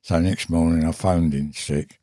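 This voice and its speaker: An older man with a very low, husky voice tells a long, rambling tale as a podcast guest. He talks casually and saltily, swearing freely and stopping on fillers. The studio sound is close and dry. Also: fairly even intonation, measured pace, dark tone, no room sound. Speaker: podcast guest, veteran angler. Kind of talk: casual anecdotal storytelling.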